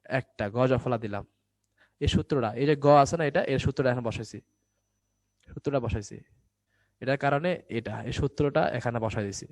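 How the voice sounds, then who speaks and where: In a dry indoor recording made for an online class, a young man teaches Bangla, quizzing students and then answering his own questions. His voice is medium-pitched, and he speaks at a moderate pace with long pauses.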